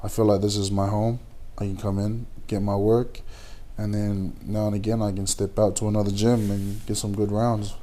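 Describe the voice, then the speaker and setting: A young man from Samoa with a low voice talks casually about his career as a pro boxer. He speaks haltingly, stopping and restarting often and reaching for his words. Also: little pitch movement, mellow. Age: 20s. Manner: halting, many fillers and restarts. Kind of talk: casual interview.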